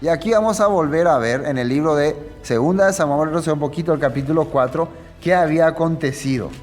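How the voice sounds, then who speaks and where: A man's voice: a little high, quick pace, darkish tone, big-room sound, soft background music. A man teaching a Bible passage in a conversational sermon, often checking with his listeners. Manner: conversational, asks the audience "¿no?" often. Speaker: preacher.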